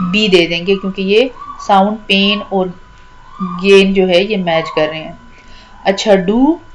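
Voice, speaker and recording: A woman who grew up speaking teaches a lesson patiently and step by step. She repeats words and draws them out slowly as she points each one out. Her voice sits at an ordinary middle pitch. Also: low-quality recording. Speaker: English literature teacher. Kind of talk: classroom-style lesson explaining a rhyme scheme.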